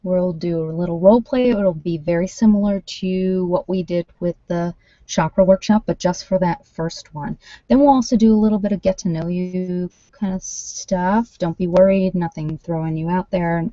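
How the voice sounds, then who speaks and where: An ASMR creator is hosting a live workshop with tarot readings, talking informally to her online audience. Her voice sits fairly low, steady and warm, at a moderate pace, and she rambles a little as she thinks aloud. The sound is muffled and roomy.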